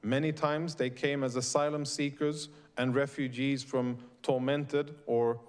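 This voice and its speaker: A middle-aged man from Sweden, an invited speaker delivering a prepared speech to a live audience in a deliberate, emphatic way. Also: mid-range voice, flat delivery, smooth.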